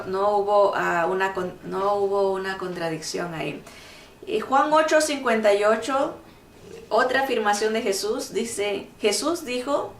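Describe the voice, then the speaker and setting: A woman teaching a Bible lesson at an unhurried pace, earnest and emphatic, pressing her points by saying them again. She sounds set back from the mic in an echoey room, with a faint hum of noise underneath. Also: medium pitch, distant mic.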